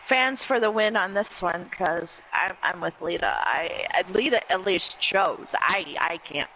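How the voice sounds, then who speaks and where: A co-commentator on a simulated wrestling match who often murmurs agreement and explains the rules in a relaxed way. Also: mid-range voice, measured pace, slight background noise, rough recording. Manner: laid-back, agreeable, with many short murmured acknowledgments.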